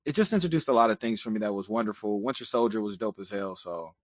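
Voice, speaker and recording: Earnest, measured male podcast co-host. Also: fairly low pitch, lively intonation, no echo, clean studio sound. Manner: earnest, measured, with filler ums. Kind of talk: casual panel chat.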